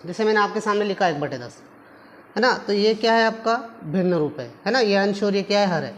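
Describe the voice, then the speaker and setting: Explaining at the board in a maths class, a man speaks in a high, expressive, slightly bright voice, fairly quickly, over a faint hiss or hum. He fondly addresses the pupils as children and patiently answers the rhetorical questions he puts to them.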